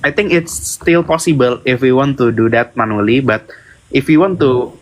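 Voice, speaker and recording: A young man with an Indonesian accent co-hosts a livestream, chatting in English with playful hesitations and fillers. His medium-pitched voice moves at a moderate pace, and the recording is rough.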